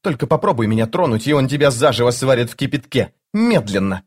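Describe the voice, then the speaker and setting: A man voicing a sharp-tongued, haughty young noblewoman in an audiobook, speaking with scorn. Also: a little high, sing-song, normal speed, pitched above the performer's own voice. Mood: scornful. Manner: scornful, scolding.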